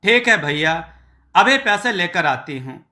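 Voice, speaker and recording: A friendly, chatty village woman next door, eager and warm, as a male storyteller plays her. She speaks slowly in a bright, slightly high voice. She fits a storybook tale. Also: sing-song, full character voice.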